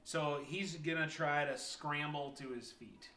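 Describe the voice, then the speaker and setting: Man, game master, bright tone, unhurried, echoey room. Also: fairly high pitch, fairly even intonation. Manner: slow, hesitant narration with many fillers. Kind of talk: narrating a tabletop game. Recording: echoey room, faint noise.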